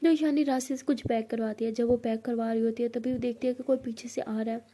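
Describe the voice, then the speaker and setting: High-voiced woman narrating a story. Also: quick pace. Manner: lively, retelling with many fillers.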